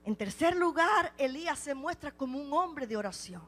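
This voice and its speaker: High, bright-voiced woman preaching fervently. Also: expressive, moderate pace. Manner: impassioned, repeats rhetorical questions; swings between loud exclamations and hushed passages. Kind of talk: sermon.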